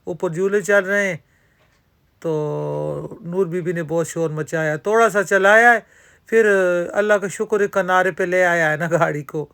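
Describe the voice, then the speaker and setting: A woman's voice: lowish voice, creaky, a bit bright, clean tone. A woman narrating a casual vlog from an outdoor amusement park. She talks straight to her viewers and fills her talk with religious phrases. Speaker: vlogger.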